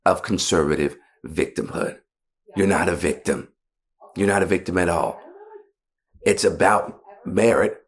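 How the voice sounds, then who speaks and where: A man delivering scripted political news commentary in a pointed, conversational way. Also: sits low.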